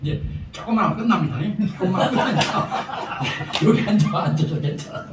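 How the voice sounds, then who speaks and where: In a very noisy recording made from far away in an echoey prayer-house hall, a pastor preaches revival. His high voice has lively intonation and runs a little fast while he tells humorous stories, chuckling and repeating himself emphatically.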